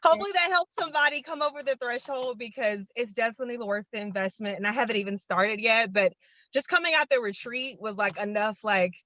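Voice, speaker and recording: A woman's voice: a little high, fairly quick, a bit bright, dry recording, poor audio. A young woman, out of breath, sharing a long-winded, earnest and enthusiastic testimonial on a video call. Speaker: program participant.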